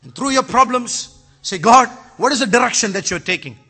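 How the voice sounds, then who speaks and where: An impassioned man with an Indian accent preaches a sermon and now and then rises to a shout. His voice sits very high and rings very bright. He keeps putting rhetorical questions to his listeners. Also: expressive, brisk, slightly rough. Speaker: pastor.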